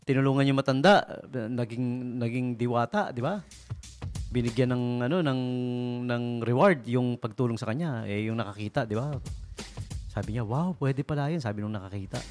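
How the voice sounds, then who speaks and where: A man's voice: medium pitch, moderate pace. A man hosting a casual radio show, rambling and joking, laughing often and mixing in English phrases. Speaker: radio DJ host. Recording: radio broadcast with faint music behind.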